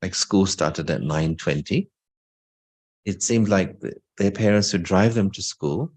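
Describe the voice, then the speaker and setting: Low-pitched and unhurried, with a darkish tone, this middle-aged English spiritual speaker reflects on his life in an informal talk, adding gentle humor as he shares his own story.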